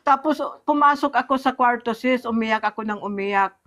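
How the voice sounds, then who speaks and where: A woman telling her personal faith testimony in conversation, earnest and halting, acting out remembered dialogue. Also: on the high side, fairly bright tone. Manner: earnest storytelling, often pauses and restarts; replays remembered dialogue in a raised voice. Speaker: church member giving testimony.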